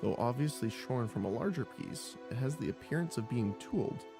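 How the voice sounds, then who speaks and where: A man streaming a role-playing game, reading its text aloud with expressive narration and quick reactions. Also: medium pitch, creaky. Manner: expressive narration broken by laughs and small exclamations. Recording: voice over game music.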